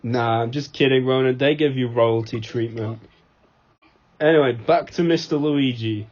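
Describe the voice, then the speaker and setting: A young man in casual podcast chat, sarcastic and ribbing, often breaking into laughter. His voice sits at a middle pitch, and the recording is dull and lo-fi. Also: normal speed, darkish tone. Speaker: podcast co-host.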